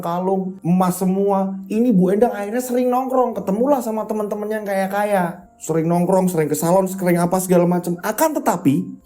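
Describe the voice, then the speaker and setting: A man hosting and narrating a dramatic true story, with an animated telling punctuated with spoken sound effects. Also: sits high. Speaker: storyteller host.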